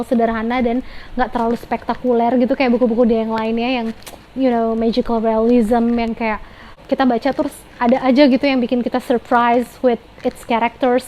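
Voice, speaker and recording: A woman's voice: a little high, mellow, poor audio. A young woman giving a casual, chatty book review, slipping English phrases into her slang.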